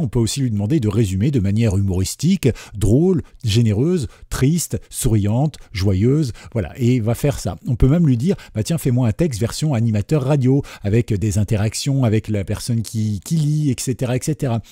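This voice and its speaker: Husky, very dark-voiced man explaining. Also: medium pitch, dry recording, clean studio sound. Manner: relaxed, chatty explaining with frequent fillers. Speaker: tech tutorial host. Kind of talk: casual screen-recorded software tutorial.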